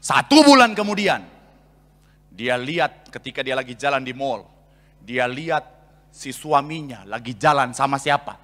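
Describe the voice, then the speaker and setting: A male pastor preaching a sermon in a large church, lively and joking as he calls out to the congregation. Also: mid-range voice, moderate pace, pauses often. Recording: long church-hall reverb.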